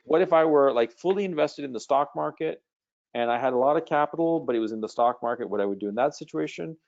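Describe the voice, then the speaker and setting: A man's voice: mid-range voice, fast talker, creaky, darkish tone. Blunt, casual man coaching callers in a live webinar, slightly lo-fi sound. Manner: blunt, casual, swears freely.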